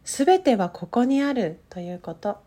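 A woman coach leading a guided breathing meditation in a soothing, gentle manner with drawn-out instructions. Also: fairly high pitch, big pitch swings.

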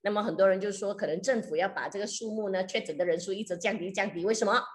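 Lady pastor giving a chatty sermon, lots of ums, drops english bits in, middle pitch. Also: fast talker. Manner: conversational, mixes in English phrases; frequent hesitation fillers. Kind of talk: sermon with storytelling.

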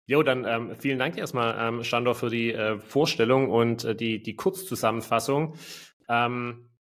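A man's voice: medium pitch, normal speed, a bit bright. Man hosting an interview podcast. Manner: rambling questions with many fillers. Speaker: podcast host.

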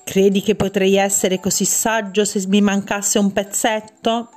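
A woman voicing a wise old creature from a cave in a children's storybook, answering calmly. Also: mid-range voice, measured pace, soft background music, close to an everyday voice.

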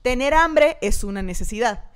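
A woman's voice: on the high side, animated, normal speed, clean tone. A woman co-hosting a casual chat, joking crudely and bluntly. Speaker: podcast co-host.

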